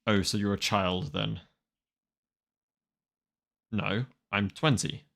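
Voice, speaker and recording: A twenty-year-old man talks casually to his stream. His voice sits low with a gravelly edge. He rambles, sounding wry and exasperated. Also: steady tone, takes it slowly, fairly bright tone. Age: 20s. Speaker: manga reaction streamer. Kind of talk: casual live-stream chat.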